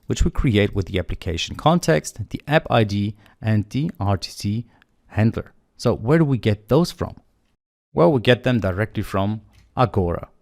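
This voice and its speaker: A man with a fairly low voice teaches programming in a screen-recorded walkthrough, narrating plainly and thinking aloud as he types. The audio is dry and close, with hardly any trace of the room.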